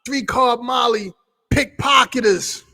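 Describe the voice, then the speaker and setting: A man hosting a casual vlog, giving exuberant, slangy shout-outs to his viewers. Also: very high voice, takes it slowly, creaky. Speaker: vlog host.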